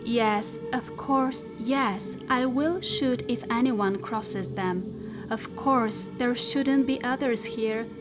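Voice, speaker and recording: In a science fiction audio drama, a woman voices a possessive, coaxing spacesuit AI, her pitch a little high and her mood seductive. She delivers a theatrical monologue slowly and deliberately, over-articulating in an intimate, insinuating, self-satisfied and controlling way. Music plays behind her.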